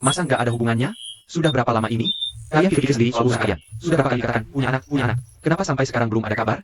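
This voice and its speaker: A man's voice: medium pitch, very fast, a crowd in the background, lightly acted. An actor dubbing a scornful, quarrelsome father who mocks and scolds his family. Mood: scolding. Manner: mocking, scolding. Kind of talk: dubbed drama dialogue.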